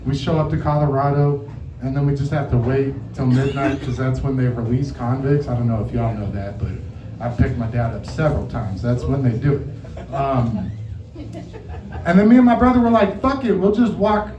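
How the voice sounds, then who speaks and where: A man's voice: medium pitch, lively intonation, normal speed, noisy background. A man telling stand-up stories at an open mic in a rambling, casual, sweary way, chuckling as he goes. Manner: chuckles through his own stories. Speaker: amateur stand-up comedian. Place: open mic venue with echo. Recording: muffled, echoey room, distant mic.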